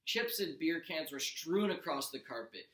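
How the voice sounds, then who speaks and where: This animated children's audiobook reading comes from a man whose voice sits fairly high with a fairly bright tone, moving at a moderate pace. He performs the story expressively, teacher-style, now and then tripping over a word and fixing it, and the room around him echoes.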